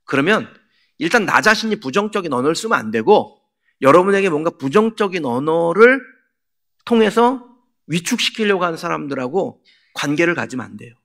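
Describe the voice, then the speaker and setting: A man's voice: a little high, very animated, brisk, creaky, fairly bright tone. A male pastor preaching a sermon in a church, asking the congregation questions and acting out quotes. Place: church sanctuary.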